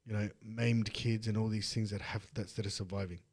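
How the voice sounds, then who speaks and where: A man co-hosting a podcast, speaking earnestly and reflectively in casual chat, slowing down to stress his points. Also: on the low side, little pitch movement, a little mellow. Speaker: podcast co-host.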